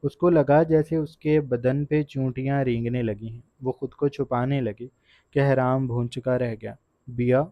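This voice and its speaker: A man's voice: mid-range voice, steady tone, no echo. Man narrating a dramatic romance novel. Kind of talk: audiobook narration. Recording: dull, dry lo-fi recording.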